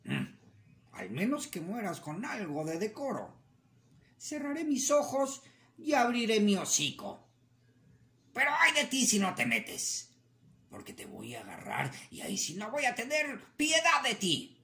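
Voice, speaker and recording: A woman voicing a hungry, sly old male coyote who gloats in a lower, growly voice. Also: huge pitch swings, unhurried, pushed and bright, heavily acted. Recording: roomy echo, faint ambience.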